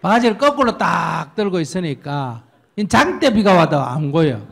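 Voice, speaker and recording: Older-sounding monk, gravelly and highly expressive; tells stories and fires rhetorical questions. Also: male voice. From South Korean countryside. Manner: animated storytelling, acts out quotes, rhetorical questions. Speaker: Buddhist monk answering questions. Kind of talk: lively spoken dharma Q&A.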